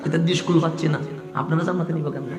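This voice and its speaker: A man preaching a passionate sermon, swinging from quiet asides to high, shouted climaxes. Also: fairly even intonation, racing. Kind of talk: waz sermon. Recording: echoey hall with faint music.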